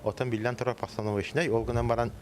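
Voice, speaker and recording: A man's voice: mid-range voice, little pitch movement. Hesitant Yakut man, music behind. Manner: hesitant, halting. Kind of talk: unscripted interview explanation.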